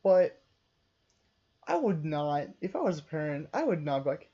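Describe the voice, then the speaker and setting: Young woman, low voice, relaxed casual chat, muffled lo-fi recording. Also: normal speed. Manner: relaxed, laid-back, frequent "like". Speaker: film review co-host. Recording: dull lo-fi sound.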